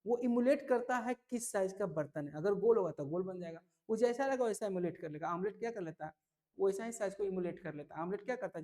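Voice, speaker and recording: A man teaching English vocabulary for an entrance exam, lively and repetitive, often checking whether students follow. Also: high voice. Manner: lively, repeats key words, asks "clear?" often. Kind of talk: exam-prep vocabulary lesson.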